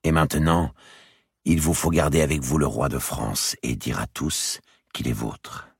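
A man's voice: rumbling low, a little slow, husky, no room sound, studio quality, exaggerated voice. A man reading the part of a noblewoman who firmly and insistently persuades a grieving girl. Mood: urgent coaxing. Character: noble older woman, firm, coaxing, protective. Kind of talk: audiobook character reading.

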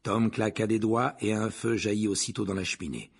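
A man reading a story aloud as an audiobook narrator, with an expressive, varied delivery. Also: lowish voice, brisk, creaky, slightly rough.

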